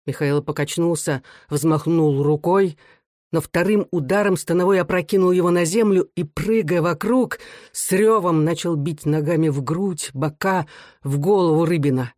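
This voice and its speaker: A man narrating a novel in a measured, expressive way, as an audiobook reader. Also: on the high side, no room sound, studio quality. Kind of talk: dramatic literary narration.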